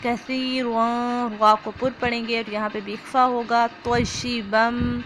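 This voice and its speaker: A woman with an Urdu accent teaching an online lesson, reciting phrases slowly and then explaining pronunciation step by step. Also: on the high side, level tone, a bit bright, soft background music. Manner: slow drawn-out recitation, then brisk explanation.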